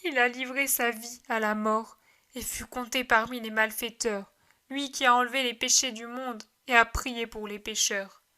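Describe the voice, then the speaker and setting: A grieving woman disciple reciting scripture in a solemn, measured voice, read by a woman. The tone is fairly high and bright, close like a storybook reading. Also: steady tone.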